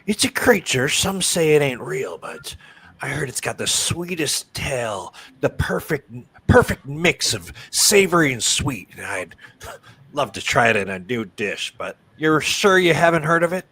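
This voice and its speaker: A man voicing a smooth-talking male adventurer cook with a husky voice, folksy and sly. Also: a little high, sing-song, measured pace, bright, forceful tone, full character voice.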